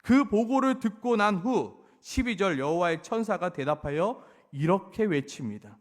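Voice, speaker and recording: A man delivers a sermon with a high, animated voice that climbs and falls sharply. He acts out pleading questions with passion, then sinks back to a quiet, low tone. The sound carries a long reverberant tail. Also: normal speed. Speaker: pastor.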